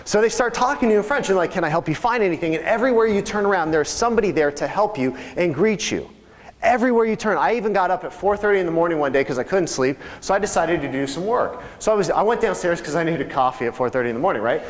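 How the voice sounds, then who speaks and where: A man leads a live real estate sales training seminar, talking conversationally and putting questions to the audience. His high voice is animated and fast, and the training room gives the live recording a long reverb.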